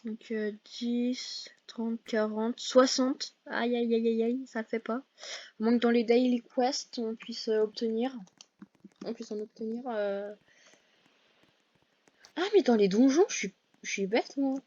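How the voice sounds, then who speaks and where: A woman's voice: on the high side, fairly even intonation, unhurried, darkish tone, no echo, lo-fi sound. A woman giving casual, hesitant commentary over her gameplay, full of fillers and self-corrections. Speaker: gaming video creator.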